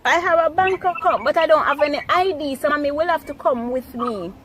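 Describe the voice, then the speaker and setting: A woman with a Jamaican accent chatting casually and excitably, with lots of exclamations. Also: sits high, a little fast, slight background noise. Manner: exclamatory, animated. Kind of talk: casual, excitable phone chat.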